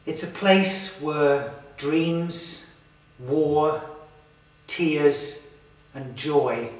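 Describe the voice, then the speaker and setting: Slow earnest man in echoey church. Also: mid-range voice, far from the mic. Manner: slow, earnest, with emphatic pauses. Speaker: presenter. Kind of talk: reflective documentary talk to camera. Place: inside a large stone church. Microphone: far camera mic.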